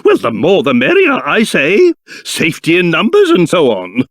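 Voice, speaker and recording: An actor with a British accent playing a pompous, excitable old king in a video game, theatrical and blustering, with old-fashioned posh phrasing. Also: high-pitched, normal speed, no room sound, clean studio sound, full character voice. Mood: jolly, eager. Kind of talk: video game character voice acting.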